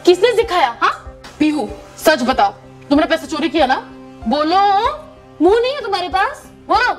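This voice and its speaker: A woman's voice: very high voice, sing-song, moderate pace, faint music behind. A woman voicing a stern, angry father who scolds and questions his young daughter in a doll-story role-play. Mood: angry, scolding. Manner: shouting, scolding, interrogating.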